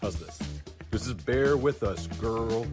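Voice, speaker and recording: A man's voice: mid-range voice, slow pace, music in the background. A man hosting a podcast, bantering in a playful, casual way. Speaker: podcast host.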